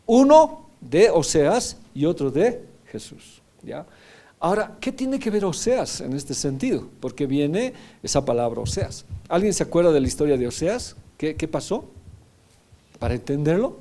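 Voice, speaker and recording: Pastor preaching in a mellow voice. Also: male voice, fairly high pitch, big pitch swings, moderate pace. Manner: teaching, often checking in with "¿ya?". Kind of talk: sermon.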